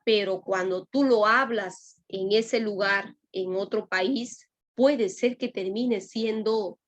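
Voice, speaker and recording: In a mid-range voice and at a slow pace, a woman teacher from Peru gives a class lecture with a Lima Peruvian Spanish accent. She often checks in with her students, talking to them directly and dropping "¿no?" and "¿ya?" along the way.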